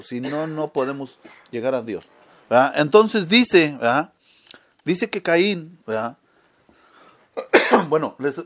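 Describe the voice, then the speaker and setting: Male preacher with a higher voice, leans on "right?" questions to the audience. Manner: keeps asking the audience "¿verdad?"; asks questions and answers them himself. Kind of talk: sermon.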